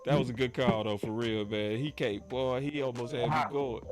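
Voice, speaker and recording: A man hosting a sports talk show, casual and emphatic, with slangy, animated delivery. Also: mid-range voice, normal speed, a loud crowd.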